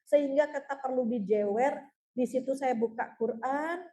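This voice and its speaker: Warm-voiced woman religious teacher, echoey hall. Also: sits high, moderate pace. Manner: storytelling, keeps addressing listeners as "Bu"; earnest, heartfelt. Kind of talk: religious talk answering audience questions.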